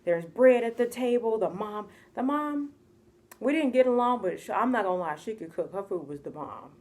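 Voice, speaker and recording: A woman's voice: on the high side, animated, moderate pace, a little mellow. A woman telling a casual storytime, chatty and full of "like" fillers. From United States. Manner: chatty, full of "like" fillers, acts out quoted voices. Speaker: vlogger.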